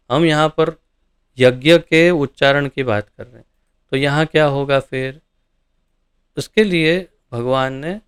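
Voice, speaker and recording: Slow, clear-voiced Hindi preacher. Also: male voice, fairly high pitch. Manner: animated, rhetorical questions to audience. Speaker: ISKCON preacher. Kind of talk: devotional scripture class.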